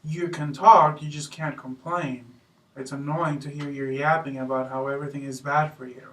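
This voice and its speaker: An actor playing a blunt, dismissive husband in a marriage-counseling role-play, hesitating with fillers. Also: male voice, on the high side, level tone, normal speed, fairly bright tone, lightly acted. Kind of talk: amateur improvised role-play. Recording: roomy, distant mic, faint background noise.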